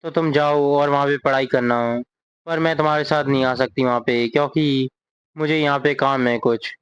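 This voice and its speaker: A man's voice: mid-range voice, fairly even intonation, normal speed, fairly bright tone, clear, resonant tone, no echo, lightly acted. A man voicing a fierce, protective middle-aged mother in a plain, lightly acted way. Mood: somber. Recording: dull lo-fi recording.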